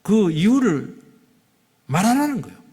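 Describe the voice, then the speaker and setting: A middle-aged man preaching a Sunday sermon as a pastor, animated and acting out quoted dialogue. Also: high voice, measured pace, husky. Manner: animated, acts out quoted dialogue in shifting voices. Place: church sanctuary. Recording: long reverb of a church hall.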